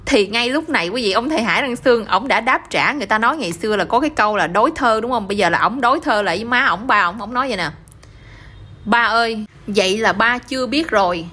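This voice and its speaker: A woman's voice: fairly high pitch, animated, racing, few pauses, pushed and bright, husky. A woman with a Southern Vietnamese accent giving chatty gossip commentary and peppering viewers with rhetorical questions.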